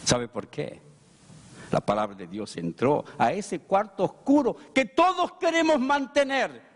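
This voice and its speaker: A man's voice: sits high, very animated, measured pace. A man preaching a sermon as a pastor, with an emphatic delivery that rises sharply on key words. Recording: long hall reverb.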